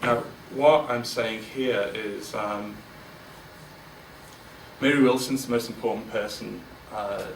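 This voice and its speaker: Speaking slowly with long pauses, a man in his forties with a fairly low voice gives a candid, informal talk as guest speaker at a business event. Fillers and restarts are frequent; the large event room sounds roomy through a distant mic, with faint ambience and a little hiss or hum.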